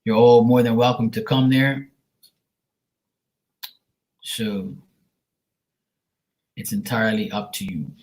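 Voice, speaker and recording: Man, mid-pitched voice, informal livestream host, chatty, encouraging, speaks directly to viewers. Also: slow pace, pauses often, a little mellow, low-quality recording. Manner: informal, encouraging advice, addresses viewers by name. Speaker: psychic reader and livestream host. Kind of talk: casual livestream chat with viewers.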